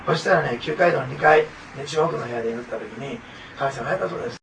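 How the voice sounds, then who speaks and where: A man's voice: medium pitch, fast, vocal fry, fairly bright tone, far from the mic, slight background noise, low-quality recording. A man preaching a sermon as pastor, earnest and repetitive, with frequent asides to the congregation.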